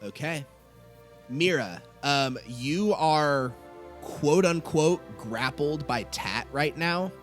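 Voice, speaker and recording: A man's voice: on the high side, expressive, takes it slowly, soft background music. A man narrating as game master of a tabletop role-playing game, hesitating often with ums and uhs.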